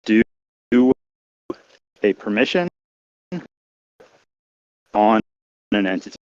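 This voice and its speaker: A man explaining a game's design over an online call, speaking in halting bits while his connection breaks up. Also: on the low side, dry recording. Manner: halting, stop-start delivery with fillers. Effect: choppy call audio breaking up. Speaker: game developer. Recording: dull, lo-fi call audio that drops out.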